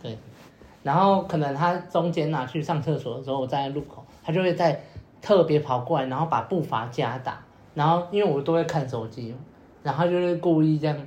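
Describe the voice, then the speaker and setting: A young man rambles through a long story on a podcast, leaning on the same fillers again and again and performing other people's lines. He talks briskly in a slightly high, slightly mellow voice, and the recording has a roomy echo with faint background noise.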